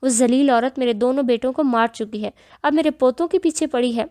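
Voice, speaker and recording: A woman's voice: high voice, warm tone, no echo, clean studio sound, natural voice. A woman voicing a stern elderly grandmother who scolds in a storybook reading.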